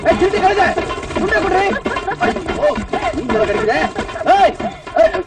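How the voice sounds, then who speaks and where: An actor playing a stubborn young village man who shouts and blusters. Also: extremely high pitch, very animated, measured pace, a loud crowd, exaggerated voice. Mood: outraged. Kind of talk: Tamil film dialogue. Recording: distant film soundtrack with loud music.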